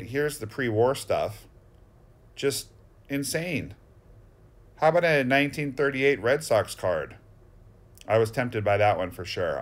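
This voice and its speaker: A man with a Boston accent narrating a vlog tour in voice-over, gushing and exclamatory as he rattles off one item after another. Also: mid-range voice. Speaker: vlogger touring a card shop.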